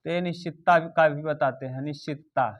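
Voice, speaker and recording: A man's voice: a little high, fairly even intonation, normal speed, muffled recording. Man teaching grammar, quizzing his class. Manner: repeats key terms, quizzes and dictates to students. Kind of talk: exam-prep grammar lesson.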